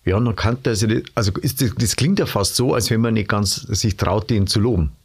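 A man with a Bavarian accent, co-hosting a casual chat, hesitant and deliberate with dry humor. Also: on the low side, husky. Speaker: podcast co-host.

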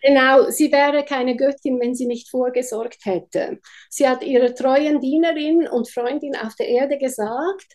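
Swiss german woman, high voice, retelling a myth in a chat, acts out little quotes. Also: fairly even intonation, measured pace, darkish tone. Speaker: storyteller guest.

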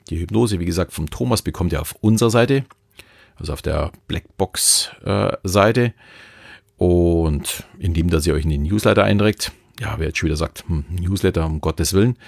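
A man with a low, creaky voice and a Bavarian accent hosts a podcast about hypnosis. He chats loosely and casually, using lots of fillers. The recording is dry and clean, with studio quality.

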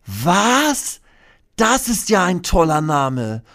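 A man voicing an excitable, friendly dinosaur mascot in a high, gushing, wide-eyed voice. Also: drawn-out words, full character voice. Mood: excited.

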